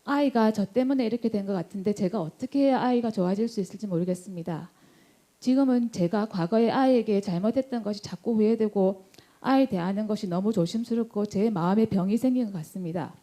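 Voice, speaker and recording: A woman's voice: mid-range voice, a little fast, dark tone. Subdued mother reading her question. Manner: subdued, earnest.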